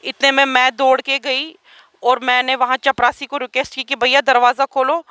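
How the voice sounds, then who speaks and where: A woman recounts her ordeal as an interviewee in an urgent, aggrieved way. Her voice sits high and sounds bright and crisp. The recording is close and dry. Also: little pitch movement, moderate pace, dry recording. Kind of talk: emotional testimony.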